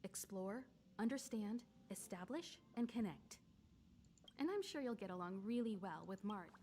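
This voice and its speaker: A woman's voice: medium pitch, moderate pace, a little mellow, slight background noise, lightly acted. A woman voicing a composed, mature crew leader giving advice in a video game. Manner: poised, motherly advice. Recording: game audio with faint ambience.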